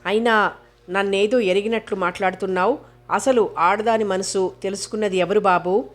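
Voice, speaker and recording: A woman voicing a sorrowful, resigned young woman in a spoken novel, grave and measured. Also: medium pitch, steady tone, natural voice.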